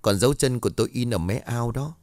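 A man's voice: medium pitch, fast, a little mellow, no room sound, lightly acted. A man reading as a frightened village woman. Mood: fearful.

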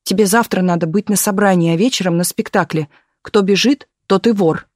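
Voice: brisk, dry recording, studio quality, natural voice. A reader voicing an eager, tearful young woman who comforts her friend in a thin little voice. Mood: eager, caring. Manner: thin little voice, raised pitch.

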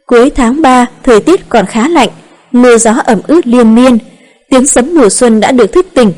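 A woman narrating a romance novel in a calm, steady reading voice. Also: fairly high pitch, moderate pace. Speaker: audiobook narrator.

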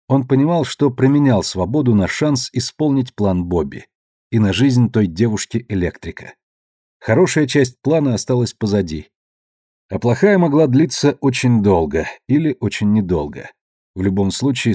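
Male audiobook narrator, measured, mellow husky voice, dry close sound. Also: medium pitch, no room sound.

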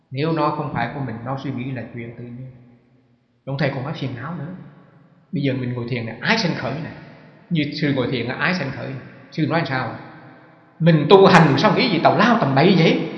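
A monk giving a conversational sermon, often asking his listeners rhetorical questions and using homely, humorous examples. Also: medium pitch. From Vietnam. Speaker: Buddhist monk giving a dharma talk. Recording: reverberant dull hall recording.

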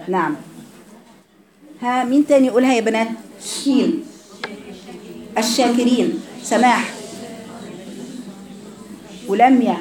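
A woman with an Egyptian accent teaching Quran recitation, correcting students and repeating sounds slowly for them. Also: fairly high pitch, a little mellow, roomy sound. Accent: Egyptian Arabic. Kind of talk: tajweed class instruction.

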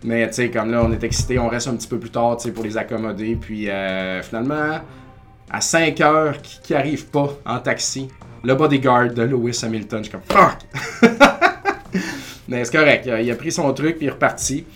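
A man with a Québécois French accent tells a story on his podcast. He is casual and lively and slips into the voices of the people he quotes. His pitch sits in the middle, and faint music plays under him. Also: brisk. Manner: animated, acts out quoted voices. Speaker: podcast host.

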